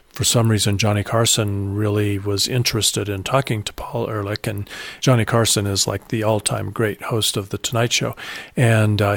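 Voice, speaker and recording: A man hosting a podcast, talking in a steady, matter-of-fact, explanatory way. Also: fairly low pitch, gravelly, no room sound. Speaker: podcast host. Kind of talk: casual podcast chat.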